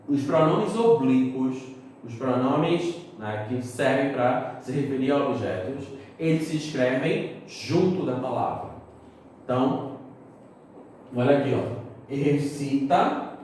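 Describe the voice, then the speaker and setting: A man's voice: medium pitch, a little mellow, a little hiss or hum. A man from Brazil teaching a lesson step by step, checking in with his students as he explains. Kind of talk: recorded classroom lesson. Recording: echoey room, mic at a distance.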